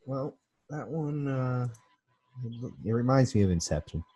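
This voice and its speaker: A man's voice: mid-range voice, expressive, unhurried, loud music behind the voice. A man hosting a casual podcast chat about movie trailers, laid-back and full of fillers. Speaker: podcast host.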